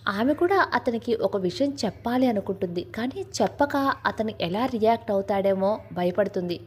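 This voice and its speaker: A woman storyteller reading a scripted romantic story aloud in a steady, even way. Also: medium pitch, normal speed, husky.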